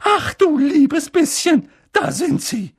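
A man's voice: very high voice, big pitch swings, slow pace, a bit bright, pitched above the performer's own voice, exaggerated voice. A male audiobook reader voicing a snappish, scolding middle-aged aunt. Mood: aghast. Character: shrill, cross aunt, middle-aged woman.

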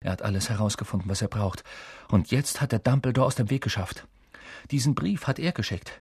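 A man voicing an anxious schoolboy who speaks urgently, at times hushed. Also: lowish voice, brisk, husky, no room sound, clean studio sound. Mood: plotting.

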